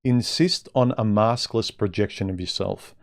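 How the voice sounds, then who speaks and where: A man's voice: fairly low pitch, moderate pace, gravelly. A man hosting a casual livestream monologue in a blunt, conversational way, his speech slightly impeded as if he had a mouthguard in. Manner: blunt, conversational, rhetorical questions. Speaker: livestream host giving dating advice. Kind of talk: casual opinionated monologue to live chat.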